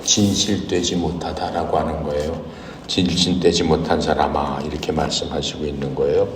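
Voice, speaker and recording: A low-voiced man reads scripture and then explains it in a teaching sermon, putting questions to his listeners. He sounds set back from the mic in a large echoing hall with a long tail of reverb. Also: level tone, moderate pace, background noise. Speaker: pastor. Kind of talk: Bible reading and sermon. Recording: echoey hall, voice from far off.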